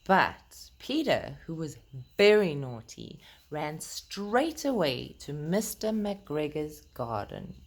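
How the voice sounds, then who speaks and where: This storytime reader speaks slowly in a low, sing-song voice, reading to young listeners and addressing them directly. She keeps her explanations simple so the children can follow.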